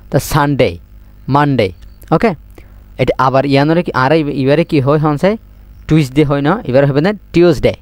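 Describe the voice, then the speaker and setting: A man with a Chittagonian accent teaching beginner spoken English, drilling words slowly and asking the listener to repeat them. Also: mid-range voice, a little mellow, no echo.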